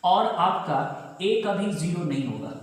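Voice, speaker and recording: A man's voice: sits high, very animated, slow. A male math teacher giving a classroom lecture, mixing in English terms and asking questions that he answers himself. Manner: asks students questions then answers them himself; mixes Hindi with English terms. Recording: very echoey room with long reverb.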